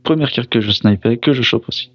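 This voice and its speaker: A man's voice: mid-range voice, a bit bright, husky, no echo, highs cut off. A man opening trading card packs, reading each card name aloud and reacting briefly. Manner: reads card names one by one, pausing to react; apologizes for mispronouncing foreign names. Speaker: card pack opener. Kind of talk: casual card opening commentary.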